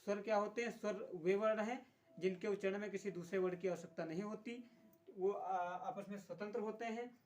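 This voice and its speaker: A man teaching an exam-prep grammar lesson who asks a question, then answers it himself, repeating key terms and pausing on frequent filler sounds. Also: high voice, steady tone, a little mellow.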